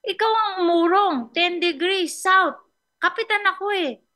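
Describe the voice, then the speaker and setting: A woman's voice: extremely high pitch, measured pace, bright, forceful tone, pitched above the performer's own voice, full character voice. A woman with a Filipino accent voicing an arrogant, bossy male ship captain who blusters indignantly.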